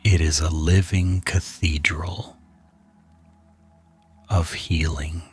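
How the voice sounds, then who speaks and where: In a soft, breathy voice that often drops to a near-whisper, a man guides a scripted sleep hypnosis, hushed and soothing, letting pauses linger between phrases. His pitch sits low and level, with gentle music playing behind him.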